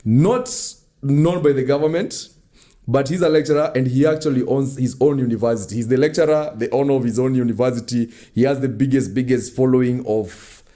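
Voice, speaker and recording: A man's voice: medium pitch, fairly quick, dark tone. A man with a Kenyan accent hosting a casual podcast chat, playful and laughing, with sing-song intros. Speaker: podcast host. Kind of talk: casual chat mixing Swahili and English.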